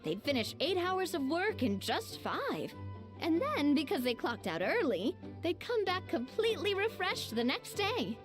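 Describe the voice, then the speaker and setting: Bright young woman companion, very high voice, bouncy, game dialogue, music underneath. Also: unhurried, exaggerated voice. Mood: amused. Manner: lively storytelling.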